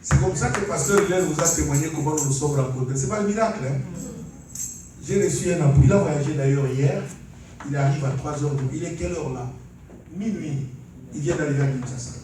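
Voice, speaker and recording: Recorded from a distance in a large, echoey church hall with background noise, a Congolese preacher from the DRC speaks fairly quickly in a fairly high voice. He tells his testimony during the sermon, calls for amens from the congregation, and laughs while preaching.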